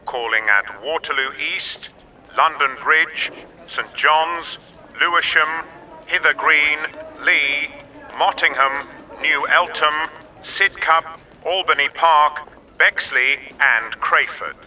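A man reading a station announcement, listing stops slowly and evenly. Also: on the high side, recorded from a distance, poor audio. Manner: slow, even listing of stops. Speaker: station announcer in a listening exercise.

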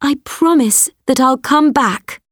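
A woman voicing a kind, gentle young woman in a storybook reading, with light, earnest lines. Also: high voice, takes it slowly, dry recording, studio quality, voice pushed up.

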